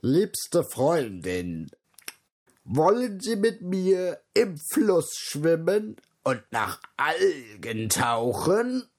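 A man voicing a big, slow male hippo who reads in a drawn-out, lilting voice. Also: on the high side, big pitch swings, voice pushed up, heavily acted. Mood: dreamy.

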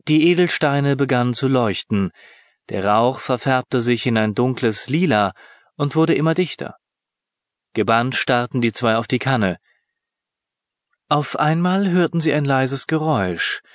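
A man reading a children's story aloud, expressive and measured. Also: mid-range voice, no echo, studio quality. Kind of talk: scripted narration.

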